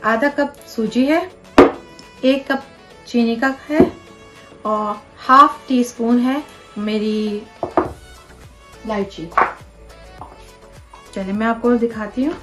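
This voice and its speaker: A woman in her thirties hosts a home cooking show from her own kitchen. She talks step by step in a fairly high, friendly-sounding chat as she works. Clear background music runs under her voice. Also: takes it slowly, long pauses. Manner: chatty, walks viewers through each step. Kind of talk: casual cooking demonstration.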